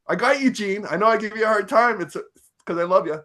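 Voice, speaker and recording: A man's voice: sits high, fast, bright, forceful tone. A man co-hosting a podcast in casual chat, rambling and easygoing with many fillers. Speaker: podcast co-host.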